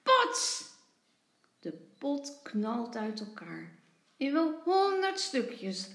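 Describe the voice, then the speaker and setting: A woman kindergarten teacher reading a picture book aloud to young children, with expressive storytelling. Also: a little high, slow, gravelly. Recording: roomy, echoey sound.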